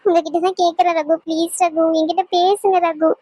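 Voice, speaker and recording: A woman's voice: very high-pitched, level tone, brisk, dark tone, no echo. A woman voicing an anxious young wife in a Tamil audio drama, pleading with her husband and repeating his name.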